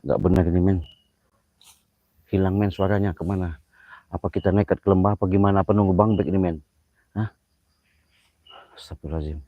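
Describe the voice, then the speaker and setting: A man live-streaming a night ghost hunt outdoors on a hillside, who yells challenges at spirits and mutters prayers in between. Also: deep voice, dry recording, dull audio. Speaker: paranormal vlogger.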